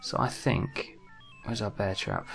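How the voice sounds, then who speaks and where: A man's voice: fairly low pitch, wildly swooping pitch, measured pace, gravelly, music in the background. A young man giving chatty, jokey commentary while he plays a game and talks to his viewers. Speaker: gaming let's-play host. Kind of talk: casual gameplay commentary.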